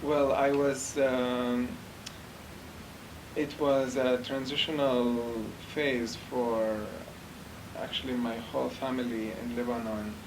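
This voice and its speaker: A man from Iraq, a dancer and choreographer, giving measured interview answers with many pauses and fillers. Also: mid-range voice, little pitch movement. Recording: distant mic with clear background noise.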